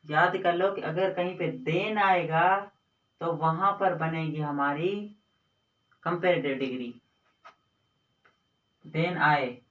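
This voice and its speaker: Slow, high-voiced male teacher in an echoey room. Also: fairly bright tone, recorded from a distance, dull audio. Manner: slow, repetitive explaining with drawn-out words. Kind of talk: Hindi grammar lesson on English adjectives.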